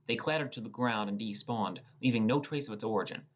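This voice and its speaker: A somewhat low-pitched young man, talking a little fast, voices scripted first-person fantasy narration. He performs it as a dramatic storyteller would, as an audiobook narrator.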